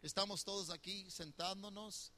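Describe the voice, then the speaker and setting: A man's voice: high voice, steady tone, moderate pace, sharp tone, a little hiss or hum. A middle-aged man preaching a conversational sermon as pastor, teasing his listeners and putting questions to them. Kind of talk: sermon on marriage.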